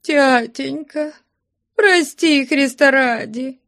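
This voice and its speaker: A woman voicing a tearful young daughter who wails and pleads in a high voice. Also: extremely slow, fairly bright tone, exaggerated voice. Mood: tearful pleading. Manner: wailing, pleading, high-pitched. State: crying.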